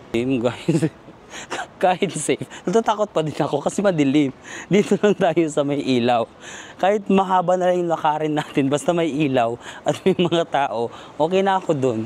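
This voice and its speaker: A man's voice: fairly high pitch, lively intonation, moderate pace, darkish tone, slight background noise. A man with a Filipino accent chatting in a casual travel vlog while walking outdoors at night, self-mocking and laughing often. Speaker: travel vlogger. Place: outdoors in a city park at night.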